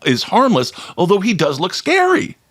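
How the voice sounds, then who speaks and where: A man's voice: sits high, wildly swooping pitch, normal speed, a bit bright, slightly rough. A man from Boston hosting a casual comedy podcast, telling stories and joking, swearing freely. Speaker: podcast host.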